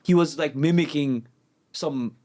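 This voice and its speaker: A man's voice: on the high side, a little slow, mellow. A man from South Africa hosting a casual podcast chat, joking, telling stories and laughing often. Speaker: podcast host.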